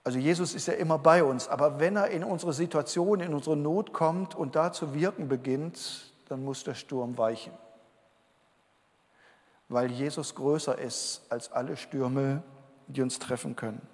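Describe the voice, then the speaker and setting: A man's voice: a little high, moderate pace, darkish tone. A man giving an earnest sermon to a congregation, explaining Bible verses. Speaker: pastor. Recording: long hall reverb.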